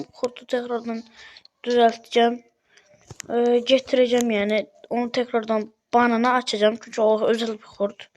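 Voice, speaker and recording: A young woman with a Turkish accent giving casual, chatty commentary over her gameplay, breaking into excitable outbursts. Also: on the high side. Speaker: gaming video host.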